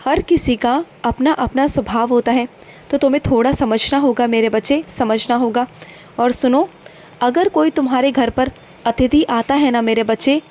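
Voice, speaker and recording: A woman voicing a gentle, fatherly male saint who counsels his devotees in a tender, instructive devotional message, calling them "my child" again and again. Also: high-pitched, natural voice. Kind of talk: devotional first-person message.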